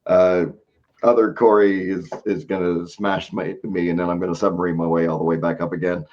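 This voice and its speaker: A man's voice: low voice, little pitch movement, fairly quick, a little mellow. A man hosting a podcast, rambling casually and laughing often, poking fun at himself. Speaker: podcast host. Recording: dull lo-fi sound.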